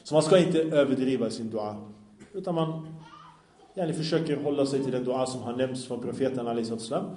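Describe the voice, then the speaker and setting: A man's voice: mid-range voice, warm tone, echoey room, a little hiss or hum. A man giving a lecture, earnest, often asking his listeners questions. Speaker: Islamic lecturer. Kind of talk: religious lecture with audience questions.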